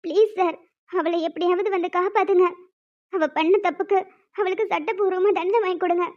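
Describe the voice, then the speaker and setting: Woman voicing a frantic cartoon young woman, very high squeaky pitch, earnest begging tone, dull lo-fi sound. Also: steady tone, brisk. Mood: pleading. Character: pleading young woman, anxious informant. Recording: dull lo-fi recording.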